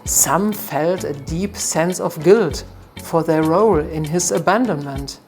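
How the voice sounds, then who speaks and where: A woman narrating a folktale in a calm, measured storytelling manner. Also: sits low, soft background music.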